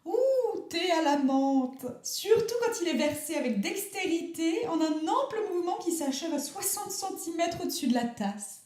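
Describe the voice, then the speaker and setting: A woman's voice: very high-pitched, very animated, moderate pace, few pauses, a little mellow, very echoey, voice pushed up. A woman playing a grand, theatrical national actress who is fearful and fussy, speaking in an affected, precious and rambling way in a comic radio sketch.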